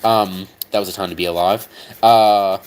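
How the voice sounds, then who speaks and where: A young Australian man with a low, clear, resonant voice chats casually at a steady tone and normal speed while working on a model. He swears freely and fills gaps with ums, trailing off as he tries to remember things, on a rough recording.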